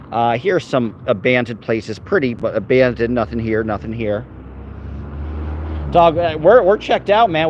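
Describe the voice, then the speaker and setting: Walking his dog through city streets, a man chats casually with his live-stream viewers and his dog in a rambling way. His voice is average in pitch, captured on a handheld phone, with faint traffic in the background.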